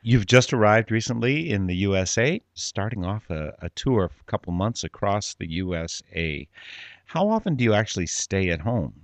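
A man hosting a radio interview, speaking in a measured, gentle way. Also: fairly low pitch, expressive, dry recording. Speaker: radio host.

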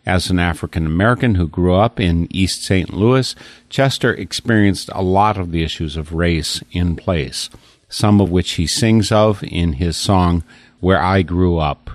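An older man hosts a radio talk show in a deep, low voice. He speaks thoughtfully and pauses to search for words, sometimes restarting a sentence. The studio sound is dry and close. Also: no room sound. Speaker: radio host.

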